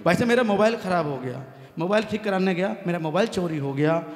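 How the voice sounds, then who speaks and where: High-voiced comic poet in an echoey hall. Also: male voice, quick pace. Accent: Hindi, north Indian. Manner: punchy, rising to loud excited punchlines. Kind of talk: stand-up comic poetry recital. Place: large hall stage at a poets' gathering. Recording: echoey hall with long reverb.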